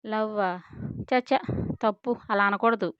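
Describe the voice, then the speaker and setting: A shy, hesitant young woman on the verge of tears, voiced by a woman narrator in an audio story. The tone is smooth and close, with a dry sound. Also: mid-range voice, steady tone, slow pace, no room sound, muffled recording, close to an everyday voice. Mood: plaintive. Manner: hesitant, plaintive.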